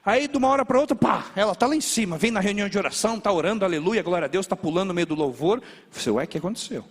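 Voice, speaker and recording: A male pastor preaches in a large church, his fairly high voice ringing out in a long hall reverb. He tells stories in an animated way and punctuates them with sound words. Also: racing. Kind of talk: sermon.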